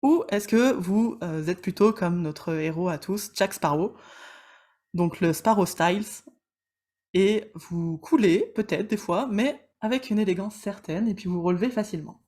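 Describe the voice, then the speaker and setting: Hosting a relaxed live lesson, a woman coach jokes around with viewers and addresses them by name, speaking in rapid bursts with frequent restarts. Her pitch sits in the middle and her tone is dark.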